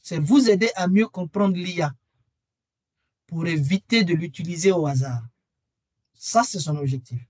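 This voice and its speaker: A man's voice: fairly high pitch, animated, measured pace, pauses often, darkish tone, no room sound. A man presenting a webinar and earnestly persuading listeners to join his training course, repeating key phrases for emphasis. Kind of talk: webinar sales pitch.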